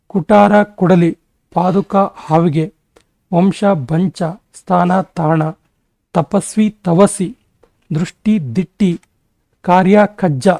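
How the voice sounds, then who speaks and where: A male exam-prep teacher giving a grammar lesson, briskly rattling off word lists. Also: high-pitched, vocal fry, mellow, no room sound.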